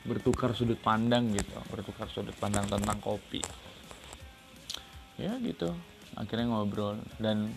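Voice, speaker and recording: A man from Riau chatting casually about his travels for his podcast, rambling with many fillers and restarts. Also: lowish voice. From Riau, Indonesia. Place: second-floor balcony outdoors.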